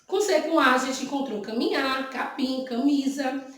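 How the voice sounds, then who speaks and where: A woman's voice: high voice, moderate pace, a bit bright. A woman teacher with a Brazilian Portuguese accent who patiently explains exercises to young pupils, often checking in with them. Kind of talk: remote classroom lesson, explaining exercises. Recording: very echoey room.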